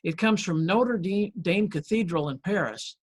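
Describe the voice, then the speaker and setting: A male pastor delivers a conversational sermon, leaning on folksy stories and light humor. His voice sits a little higher than most men's. He talks in a friendly, unhurried way with frequent pauses. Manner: folksy storytelling with gentle humor.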